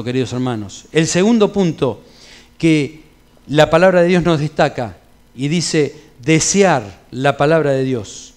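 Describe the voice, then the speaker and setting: A middle-aged Argentine pastor with a Rioplatense Spanish accent leads an evening church Bible study. He preaches conversationally, with homely anecdotes and colloquial asides. His voice is a little high with a darkish tone.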